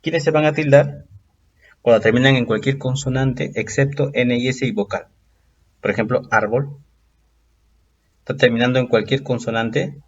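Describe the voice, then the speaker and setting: A man teaching a recorded exam-prep lesson, patiently explaining step by step and drawing out example words slowly. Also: mid-range voice, fairly even intonation, highs cut off, a little hiss or hum.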